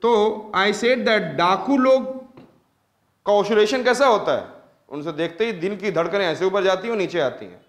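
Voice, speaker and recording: In a roomy-sounding classroom, a teacher with an Indian accent lectures in a high, expressive, unhurried voice. He moves between English and Hindi and constantly quizzes his students, repeating his questions.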